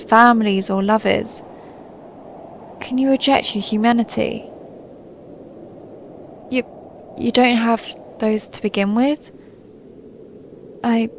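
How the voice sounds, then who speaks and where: A woman voices a centuries-old snow maiden, a gentle, stoic and melancholy guardian spirit, speaking to the listener in an intimate monologue from a scripted audio roleplay. She sounds soothing, formal and measured, her creaky voice on the high side, with a little hiss or hum in the background.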